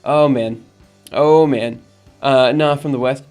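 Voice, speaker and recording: Faint music sits behind a slow, steady, medium-pitched male voice that sounds clean and a little mellow. He's an Alabama man hosting a live stream, casually rambling with viewers, reading their chat out loud and answering with plenty of ums and laughs.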